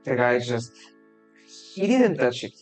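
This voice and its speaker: Male game master, slow hesitant narration, mid pitch. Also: big pitch swings, faint music behind, rough recording. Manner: hesitant, many fillers and self-corrections.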